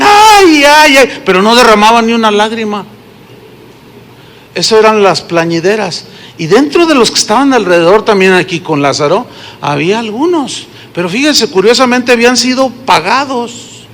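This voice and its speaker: A man's voice: sits high, a bit bright. A man with a Mexican accent preaching a sermon to his congregation, telling stories and asking them questions. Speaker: pastor. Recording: long hall reverb.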